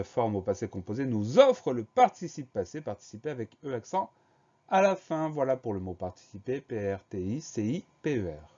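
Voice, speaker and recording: Guy teaching spelling, spells every letter out slow, mellow dark voice, kinda dull lo-fi sound. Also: mid-range voice. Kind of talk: spelling lesson.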